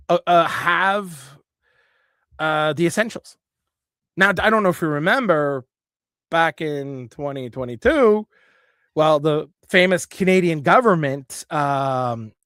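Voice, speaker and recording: A man hosts his own talk show and speaks in an earnest monologue. He rambles and often restarts his sentences. His voice sits fairly high, and the recording is close and dry. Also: a bit bright, no echo. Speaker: show host. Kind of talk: spoken monologue.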